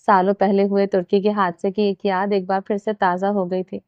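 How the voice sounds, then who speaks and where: Woman narrator, dramatic novel reading, mid pitch, dull lo-fi sound. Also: little pitch movement, a little mellow, dry recording. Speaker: audiobook narrator.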